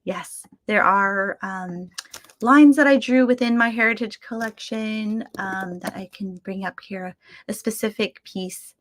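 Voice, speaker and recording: Talking unhurriedly in a mid-range, fairly bright voice, a Vietnamese American woman reflects as the featured artist in a casual webinar. She's heard over a video call from the United States, and her speech is full of fillers and restarts.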